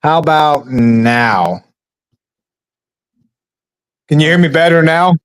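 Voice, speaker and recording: A cocky man from Kansas, his voice sitting a little high, swears freely as a podcast guest. His video-call line keeps breaking up, so the audio drops out in chunks. The sound is dry, with no room around it. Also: animated, slow, clear, resonant tone, no room sound. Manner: brash and profane. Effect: choppy video-call audio that keeps breaking up. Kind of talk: casual chat.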